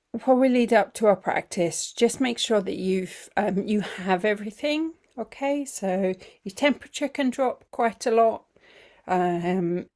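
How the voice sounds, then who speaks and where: Woman, breathwork teacher leading a slow body scan meditation. Gentle, with ums, sometimes whispering. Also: mid-range voice. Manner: slow, gentle guidance with frequent ums and soft whispered phrases.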